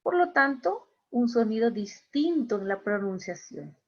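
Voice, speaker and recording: A woman teacher giving an online class, speaking slowly, repeating key phrases and checking in with her students. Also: fairly high pitch, sing-song. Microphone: video call. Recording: dull lo-fi video call audio.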